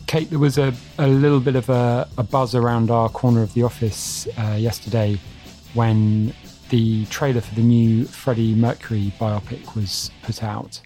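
A man's voice: medium pitch, level tone, moderate pace, mellow, faint music behind. A man co-hosting a culture podcast in casual chat, hesitant, with restarts and dry asides. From England. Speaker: podcast co-host.

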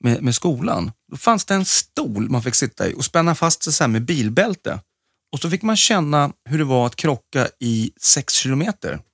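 Gravelly-voiced laid-back man. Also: mid-range voice, big pitch swings, a bit bright, dry recording, clean studio sound. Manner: laid-back, joking, hesitant restarts. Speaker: podcast co-host. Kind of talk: casual chat.

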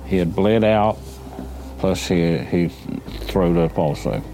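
A low-voiced man recalls what he saw, halting and restarting as he goes. His tone is dark and mellow, with quiet music behind him. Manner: halting, plain-spoken, folksy. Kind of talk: recounting in an interview.

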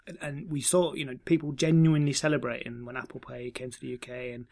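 A man on a casual tech podcast tossing in quick quips and asides. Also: mid-range voice, level tone, darkish tone.

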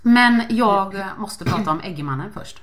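Lively, bright-voiced woman podcaster. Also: medium pitch. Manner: animated storytelling, acts out quotes. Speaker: podcast co-host. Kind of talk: casual chat.

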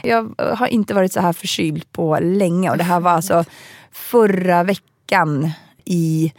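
A woman's voice: lowish voice, no echo, clean studio sound. A woman co-hosting a parenting podcast, talking in a casual, chatty way with frequent fillers and laughs. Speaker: podcast co-host. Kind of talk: casual chat.

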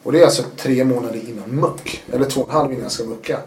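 A man, a guest telling his story in a casual interview, animated and acting out what people said. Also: mid-range voice, reverberant, slight background noise. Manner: animated, acts out quotes with sudden loud bursts.

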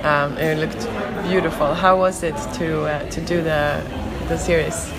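A woman's voice: low voice, fairly even intonation, measured pace, over loud music, a loud crowd, low-quality recording. A woman who is a native Swedish speaker, hosting a podcast in a casual, conversational interviewing style.

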